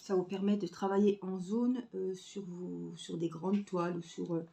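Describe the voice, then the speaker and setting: Recorded on a phone camera on a stand with slight background noise, a woman with a fairly low, creaky, dark voice chats to viewers at home while crafting. She speaks at a moderate pace with fairly even intonation, thinking aloud with fillers in a casual tutorial style.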